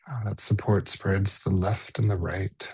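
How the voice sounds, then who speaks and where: A meditation teacher guides a body scan gently and without hurry, pausing between short phrases. His voice is soft, breathy, husky, and low-pitched, delivered flatly in a dry recording.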